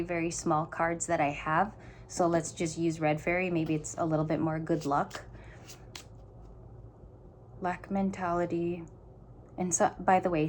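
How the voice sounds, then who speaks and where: A woman with a deep, darkish voice gives her viewers a casual tarot reading, thinking aloud in stop-start phrases and speaking earnestly straight to the listener. There's a little hiss or hum in the background.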